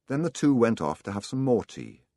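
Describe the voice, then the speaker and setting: A man narrating an audiobook in a calm storytelling manner. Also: mid-range voice, moderate pace, no room sound, studio quality.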